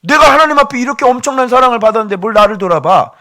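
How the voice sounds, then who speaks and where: A male pastor giving a sermon in an animated way, with joking asides to his congregation. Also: very high-pitched, very fast.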